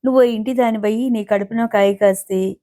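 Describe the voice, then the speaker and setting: A woman reads the part of a meddling older aunt in a storybook, fussing and scolding a younger woman. Her voice stays mellow and warm. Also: on the high side, steady tone, normal speed, natural voice.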